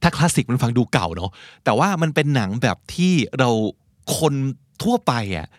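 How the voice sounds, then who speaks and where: A Thai man hosting a vocabulary lesson, explaining words in a chatty, unhurried way and acting out example lines. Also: mid-range voice, sing-song, dry recording, studio quality. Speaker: podcast host teaching English vocabulary. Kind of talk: casual teaching monologue.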